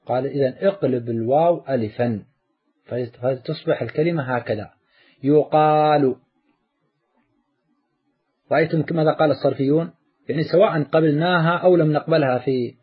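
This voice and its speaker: Male teacher, lesson delivery, dull lo-fi sound, drags out example words, slightly high voice. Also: slightly rough. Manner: explains step by step, drawing out example words slowly. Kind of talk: morphology lesson.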